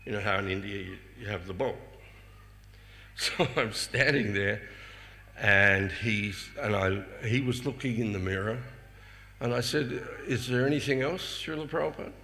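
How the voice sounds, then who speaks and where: Older man, storytelling, bright forceful tone, chuckles often, repeats words, long hall reverb. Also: fairly low pitch, measured pace, long pauses. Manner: chuckling often, stammering repeats when excited. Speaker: speaker sharing personal memories. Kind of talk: storytelling anecdotes to an audience. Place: festival hall before a live audience. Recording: reverberant hall with faint ambient noise.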